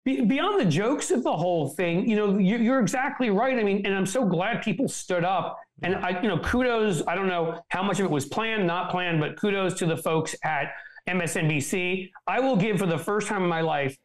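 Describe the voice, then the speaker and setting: A man's voice: high voice, moderate pace, poor audio. A middle-aged man, a political strategist on a show, talking in a blunt, profane, joking way in casual political chat.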